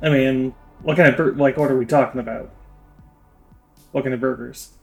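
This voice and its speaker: A man's voice: medium pitch, fairly even intonation, normal speed, gravelly, soft background music, rough recording. A man co-hosting a podcast in casual chat, with a loose, wry and hedging way of talking. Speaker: podcast co-host.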